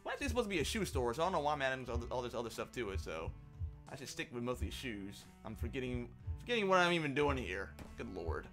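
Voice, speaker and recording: A man rambles through casual live-stream chatter, his pitch bouncing around lively as he chuckles and trails off into ums. Faint music sits underneath his voice. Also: fast talker. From Kentucky, USA. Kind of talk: casual live-stream commentary while playing.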